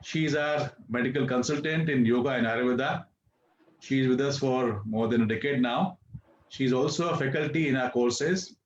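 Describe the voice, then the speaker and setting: A man's voice: mid-range voice, normal speed. A man with an Indian accent giving an informal introduction as host. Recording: echoey, muffled, faint noise.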